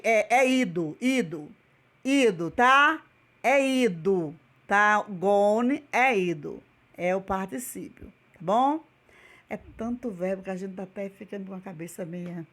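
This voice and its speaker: A woman's voice: mid-range voice, lively intonation, slow pace. A woman with a Brazilian Portuguese accent teaching English in a remote video lesson, patiently repeating each word and quizzing her class with questions.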